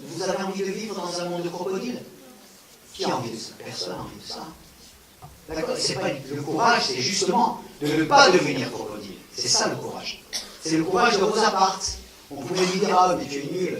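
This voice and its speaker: A man giving a public talk on non-violence, animated, with rhetorical questions and emphatic repetition, answering an audience's questions. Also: medium pitch, recorded from a distance. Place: large hall with an audience. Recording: echoey hall, speaker away from the mic.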